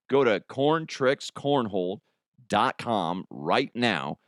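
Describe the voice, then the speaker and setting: A middle-aged man hosts a podcast by himself, rambling and joking in a casual, informal way. His voice is medium-pitched, and the dry recording has clean studio sound.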